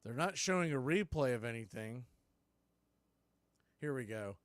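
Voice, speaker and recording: For a fan watch party, a man delivers live play-by-play of a baseball game, openly cheering his team on in a loose, colloquial, homer style. He speaks at a measured pace in an expressive, medium-pitched voice, with no echo on the recording.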